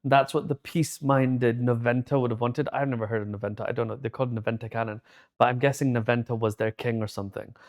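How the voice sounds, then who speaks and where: A man co-hosting a podcast in casual chat, relaxed, often quoting lines from a show. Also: mid-range voice, fast. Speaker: podcast co-host.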